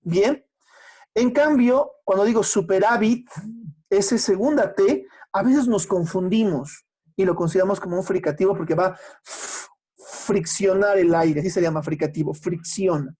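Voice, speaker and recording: A teacher explains a language lesson to a class. The voice is dark and mellow, at a middling pitch. The teacher stretches out individual sounds to show how they are said. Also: husky. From Peru. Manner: patient, explanatory, poses rhetorical questions and answers them; slows down to spell out sounds and letters. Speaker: secondary school language teacher.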